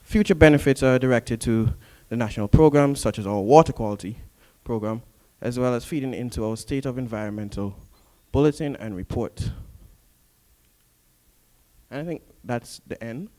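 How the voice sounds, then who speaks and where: A man's voice: medium pitch, normal speed, mellow. A man giving a conference presentation, explaining his points step by step and reading from prepared material. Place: conference hall.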